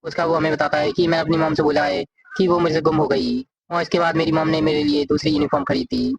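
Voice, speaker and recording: A man narrating a comic story in a casual, rapid, run-on retelling, reading the characters' lines aloud as he goes. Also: a little high, muffled recording, music in the background.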